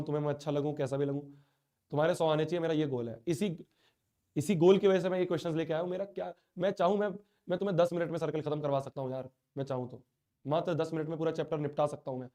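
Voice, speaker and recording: A man's voice: on the high side, warm tone. A man teaching a live online class, speaking in a hurt, earnest, pleading way while he has a sore throat and a stuffy nose.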